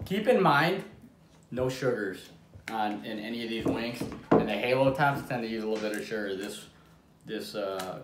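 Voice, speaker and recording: A man co-hosting a casual taste-test vlog, rambling and restarting his sentences, sometimes talking with his mouth full. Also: on the low side. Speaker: vlog co-host. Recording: echoey room with faint noise.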